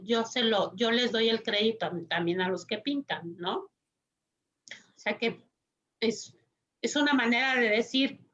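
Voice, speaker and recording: A woman's voice: a little high, muffled recording. A woman, speaking as a psychologist on a panel, thoughtful and full of tag questions. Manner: slow, thoughtful, tag questions, animated quoting. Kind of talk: panel discussion talk.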